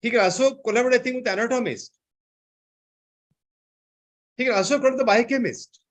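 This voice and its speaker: A man giving an online seminar lecture, often filling pauses with "I think, you know". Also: very high voice. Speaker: seminar speaker.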